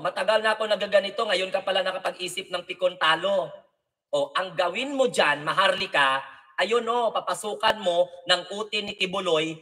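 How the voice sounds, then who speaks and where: A man's voice: sits high, sharp tone, far from the mic. A man vlogging an angry, mocking rant with sarcastic insults and repeated rhetorical questions. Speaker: political commentary vlogger. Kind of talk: angry ranting reaction monologue.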